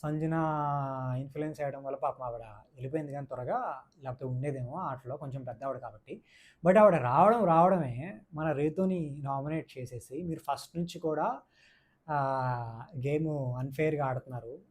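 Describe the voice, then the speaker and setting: A man's voice: on the high side, moderate pace, darkish tone. A man giving a casual, opinionated review of a reality show, mixing in English words and repeating his points for emphasis. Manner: mixes English words into speech.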